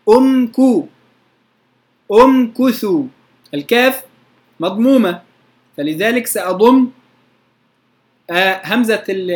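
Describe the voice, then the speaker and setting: A teacher with an Egyptian Arabic accent gives a lesson on recitation rules. The teacher slowly intones verse examples and keeps checking that the class follows. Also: medium pitch. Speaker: teacher of Quranic readings.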